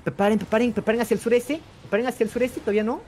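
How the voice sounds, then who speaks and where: Guy rattling off raid calls super fast, repeats everything, faint noise behind. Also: sits high, a little mellow. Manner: rapid repetitive commands. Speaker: raid caller. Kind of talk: shouted battle commands over voice chat.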